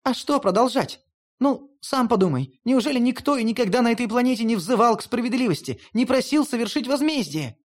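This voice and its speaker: A reader voicing a proud, haughty female goddess of death in an audiobook, speaking high and pleading. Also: lively intonation, fairly quick, lightly acted. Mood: insistent. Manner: lofty, pleading, high-pitched.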